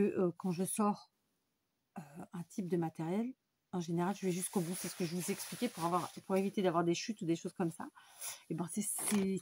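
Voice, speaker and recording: Woman, craft tutorial host, mellow low-key tone, chatty, lots of fillers. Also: slight background noise. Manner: chatty, thinks aloud with frequent fillers and "voilà". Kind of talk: casual step-by-step crafting tutorial.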